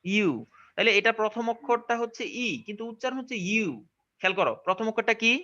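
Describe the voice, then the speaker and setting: Bangladeshi male English teacher, slightly high voice, dull lo-fi recording. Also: fairly even intonation, fast, bright, forceful tone. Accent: Bangladeshi Bengali. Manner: questioning, checks understanding often. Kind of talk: online classroom lesson.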